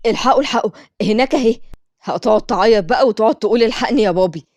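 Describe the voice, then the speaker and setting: A taunting, sneering bully girl from a poor neighborhood, voiced by a woman reading a story. Her jeers rush out fast and bounce in pitch, with a mellow tone. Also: animated, dry recording, natural voice. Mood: mocking. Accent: Egyptian Arabic.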